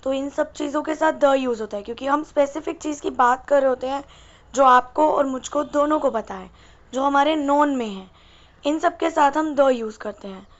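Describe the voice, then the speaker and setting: A woman's voice: sits high, normal speed, muffled recording. A woman teacher giving an exam-prep English grammar lesson, asking the class questions and answering them herself.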